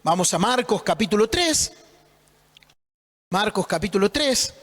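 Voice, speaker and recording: A man's voice: sits high, lively intonation, unhurried, fairly bright tone, in a large hall. A man, preaching a conversational, joking sermon full of rhetorical questions. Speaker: pastor. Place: church.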